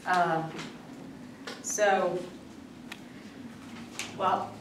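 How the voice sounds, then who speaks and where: A woman's voice: fairly low pitch, little pitch movement, extremely slow, a little hiss or hum. A young woman from Vietnam giving a conference talk, hesitant, with many fillers. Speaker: conference speaker. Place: conference hall. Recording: echoey hall, speaker far from mic.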